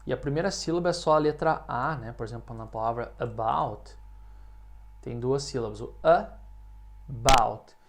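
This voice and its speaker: Brazilian male English teacher, patient explainer, speaks example sentences slow and clear. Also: medium pitch. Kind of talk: language lesson.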